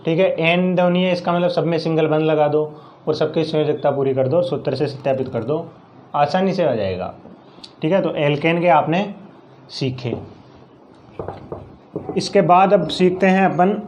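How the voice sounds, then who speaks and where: Speaking at a normal speed but pausing often, a male chemistry teacher with a Rajasthani Hindi accent has a fairly high, slightly mellow voice. He takes his class through each step, counting aloud and answering his own questions. A little hiss or hum is audible.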